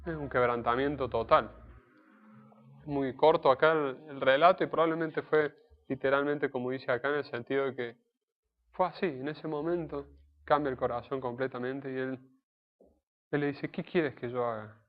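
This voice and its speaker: A man giving a sermon in a conversational, explanatory way, pausing to restate his points. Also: mid-range voice, fairly even intonation. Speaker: preacher. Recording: dull lo-fi recording.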